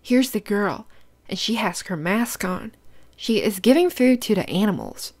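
A woman reads picture books to children in a mid-range, expressive, slightly mellow voice at a measured pace. She uses simple, instructive phrasing and asks her young listeners questions.

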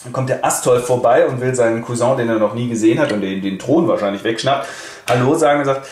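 A man's voice: mid-range voice, fast talker. A man telling a classic play as a breezy, colloquial comic retelling. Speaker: host. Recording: roomy with faint hiss.

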